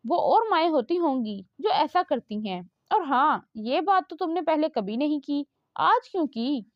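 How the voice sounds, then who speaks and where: A woman's voice: sits high, sing-song, unhurried, no echo. A woman voicing a nagging, scolding but loving middle-aged mother. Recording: dull lo-fi dry recording.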